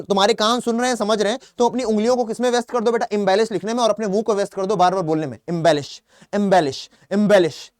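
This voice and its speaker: High-voiced chatty teacher with a Hindi accent. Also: male voice, darkish tone, dry recording, clean studio sound. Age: young adult. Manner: chatty, calls students "beta", keeps asking then answering his own questions. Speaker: English vocabulary teacher. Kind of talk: online exam-prep class.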